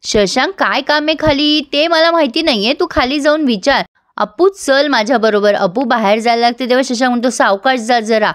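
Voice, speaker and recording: A woman retelling a TV serial episode to viewers, quoting each character's lines in turn. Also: high-pitched. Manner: addresses viewers directly, brisk storytelling. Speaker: serial recap narrator.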